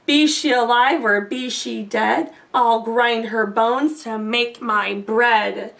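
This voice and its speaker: A woman voicing a boastful, menacing male giant in a storybook, with booming delivery. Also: fairly even intonation, slow, gravelly, a bit bright, full character voice.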